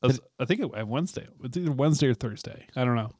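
A man's voice: medium pitch, lively intonation, very fast, darkish tone, slightly rough, no room sound, studio quality. A young man co-hosting a podcast, talking in a laid-back, profane casual style. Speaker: podcast co-host. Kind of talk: casual chat.

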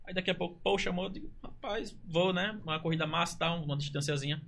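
A man's voice: high voice, fast, gravelly, a bit bright. A man, a guest in a casual podcast chat, joking and laid-back as he tells his story.

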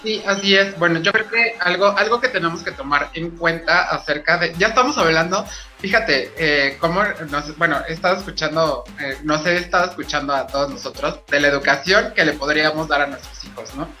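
High, very bright Mexican man. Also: brisk. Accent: Mexican Spanish. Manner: earnest, repeats himself while searching for words. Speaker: podcast guest. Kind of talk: casual panel discussion.

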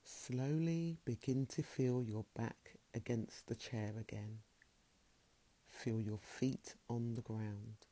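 A man leading a guided meditation in a slow, soothing, soft-spoken way. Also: mid-range voice, fairly even intonation, poor audio.

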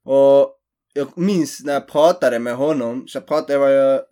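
A man's voice: medium pitch, dark tone. A man in casual chat telling an embarrassing story about himself, acting out the quoted lines. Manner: self-mocking, acts out quoted lines.

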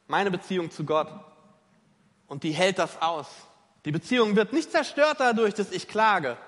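A man's voice: high voice, fairly bright tone. A man preaching a sermon, emphatic and questioning his listeners directly. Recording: long reverb of a large hall.

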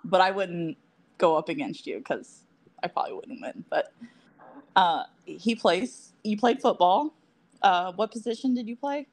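A woman co-hosting a casual podcast, chatty and quick to laugh, with self-deprecating asides. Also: medium pitch, animated. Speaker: podcast co-host.

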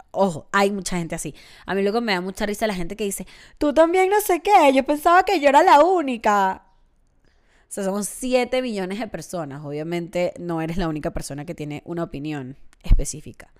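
A woman in her twenties talking casually on her own podcast, chatty and self-mocking, often acting out the voices of people she quotes. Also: mid-range voice. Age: 20s. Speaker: podcast host. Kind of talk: casual solo monologue.

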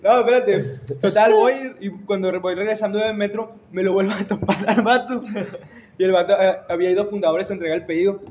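A young man with a Mexican Spanish accent chatting casually, slangy and quick to laugh. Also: high voice, dull audio, crowd noise. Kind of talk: casual chat.

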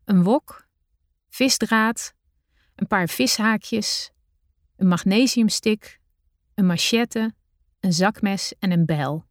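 A woman narrating her own adventure story in the first person, with a measured, deliberate reading style. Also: medium pitch, dry recording, studio quality.

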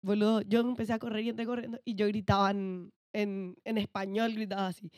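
A woman's voice: mid-range voice, no room sound, clean studio sound. A young woman with an Argentine accent, telling stories animatedly in casual podcast chat. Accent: Argentine Spanish. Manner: animated storyteller, quick and expressive. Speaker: podcast co-host.

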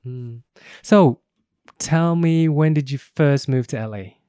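A man's voice: mid-range voice, takes it slowly, mellow, clear, resonant tone, dry recording, clean studio sound. A man, hosting a podcast in casual chat and laughing often. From England. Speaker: podcast host.

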